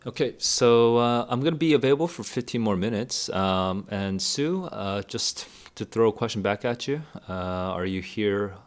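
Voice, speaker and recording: A thirtysomething tutor and educator chats through viewer questions on a casual livestream, candidly rambling and thinking out loud. His lowish voice is expressive, running at normal speed with few pauses.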